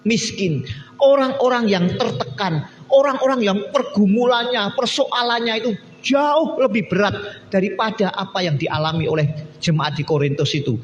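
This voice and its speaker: A man with a Javanese accent preaches a lively sermon and acts out the church members in his stories. His voice sits high and swings widely in pitch. The sound is dull and carries a long hall reverb with a faint hum underneath. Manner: animated preaching, acting out quoted church members. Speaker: pastor.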